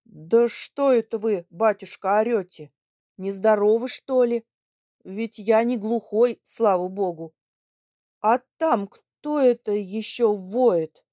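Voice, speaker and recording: A woman's voice: mid-range voice, slow, no echo, clean studio sound, lightly acted. A woman playing a bellowing old army man. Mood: indignant. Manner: loud, indignant, bellowing. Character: gruff old retired army man, hot-tempered.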